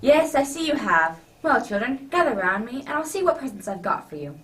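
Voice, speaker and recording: A distant-sounding woman acting as a kindly gentleman doctor playing Santa in a radio play. The voice is high and hearty, swinging freely through bluff, old-fashioned exclamations. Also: very animated, a little fast, a little hiss or hum. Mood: jolly. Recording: distant microphone.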